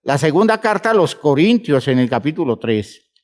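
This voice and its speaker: A man preaching a sermon, emphatic and measured, speaking to the congregation as brothers and stretching words for emphasis. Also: on the high side, big pitch swings.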